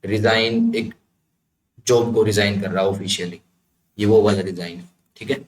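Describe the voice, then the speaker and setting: A man with a lowish, fairly even voice teaches vocabulary using memory tricks at a normal speed. He goes step by step and checks that listeners understand, recorded in an echoey room with faint background noise.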